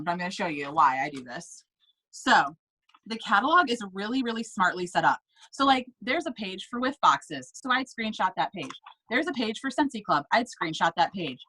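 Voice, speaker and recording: A woman coaching sellers in a casual, upbeat way, stressing points and checking in with quick tag questions. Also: medium pitch, sharp tone, low-quality recording. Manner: upbeat, emphatic, checks in with "okay?" and "right?". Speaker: direct sales team leader.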